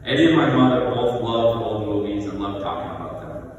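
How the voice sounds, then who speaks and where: A middle-aged man reading a prepared eulogy aloud, reminiscing in measured short phrases. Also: lowish voice, darkish tone, lo-fi sound. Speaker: son giving a eulogy. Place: large reverberant church. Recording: echoey church hall, distant mic, noisy.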